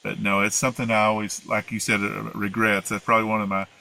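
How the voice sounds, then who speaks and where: Bright-voiced Appalachian man, rambling casually. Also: on the low side, flat delivery, quick pace, gravelly. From United States. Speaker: interview guest, former flight attendant. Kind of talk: casual conversational storytelling.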